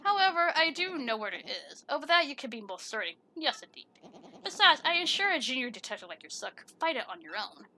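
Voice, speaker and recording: A woman's voice: high-pitched, sing-song, a little fast, sharp tone, slight background noise, full character voice. A woman reading aloud as a pompous male penguin detective with stately, over-formal phrasing, reading the game's dialogue.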